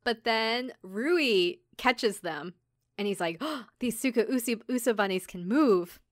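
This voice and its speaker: This podcast host has a slightly high voice with lively intonation and a measured pace, captured cleanly in a studio with no room sound. Her recap is informal and chatty, dropping in bits of acted-out dialogue alongside wry remarks.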